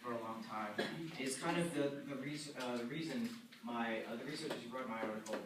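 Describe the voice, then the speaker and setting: A man presenting a journal article to a class, talking haltingly with many fillers and restarts. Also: mid-range voice. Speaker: student presenter. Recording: echoey room, distant mic, noisy.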